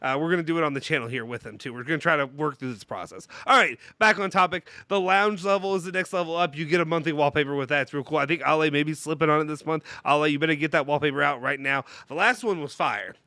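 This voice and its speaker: A man with a congested, nasal sound and a bright, forceful delivery talks very quickly. He hosts a casual live stream, rambling and poking fun at himself in a dry, close recording. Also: fairly high pitch, dry recording. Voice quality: nasal, blocked-nose sound. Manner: jokey, rambling, self-deprecating. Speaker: YouTube channel host.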